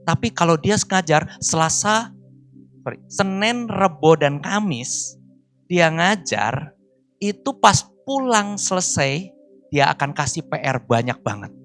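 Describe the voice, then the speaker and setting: A man in his forties preaching a sermon, telling personal stories in a lively voice that swings between loud and soft. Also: a little high, slow, faint music behind. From Indonesia. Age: 40s. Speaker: pastor. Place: church service.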